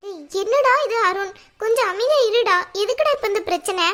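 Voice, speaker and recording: Woman doing a very high, scolding cartoon mother. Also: expressive, a little fast, fairly bright tone. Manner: pleading and scolding. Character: worried middle-aged mother, scolding peacemaker. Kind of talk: cartoon voice acting.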